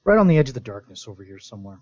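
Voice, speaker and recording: A man's voice: mid-range voice, very animated, very fast, darkish tone, lo-fi sound. A man chatting casually as a tabletop game player. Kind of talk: casual chat.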